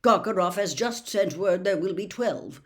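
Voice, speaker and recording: With a mid-range, lightly acted voice, a woman performs an audiobook role as a mad older male wizard official. His mood is officious and rambling, and the delivery flips from fluent dictation to desperate, broken, breathy gasps.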